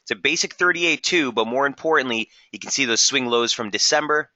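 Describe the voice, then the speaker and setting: Hoarse man with a bright, forceful voice. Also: medium pitch, dry recording, lo-fi sound. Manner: brisk, technical, addresses viewers as guys. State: losing his voice, clearing his throat. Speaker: market strategist hosting a webinar. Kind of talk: live trading webinar walkthrough.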